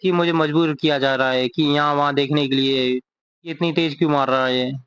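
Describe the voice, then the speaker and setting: A man voicing a timid, ashamed teenage boy in a subdued, flat way, recapping a comic story. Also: a little high, moderate pace, clear, resonant tone, no echo, close to an everyday voice. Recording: dull lo-fi recording.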